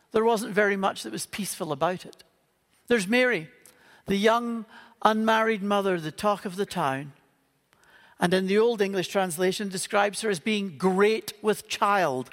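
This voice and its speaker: This pastor from Northern Ireland, speaking with that region's accent, delivers an earnest Christmas Eve sermon in a church auditorium, slipping in playful, humorous asides. His voice sits high and a bit bright, echoing through the large hall.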